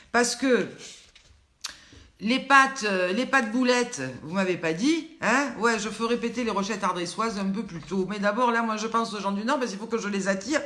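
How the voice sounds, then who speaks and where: In a roomy, echoing recording, an older online host with a Southern French accent runs a casual live cooking chat. She jokes and greets viewers by name in a mid-range, fairly bright voice.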